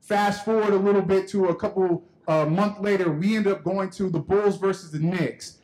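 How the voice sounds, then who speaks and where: Keynote speaker, man, high voice, animated storytelling that acts out the dialogue. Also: normal speed, poor audio. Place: conference hall stage.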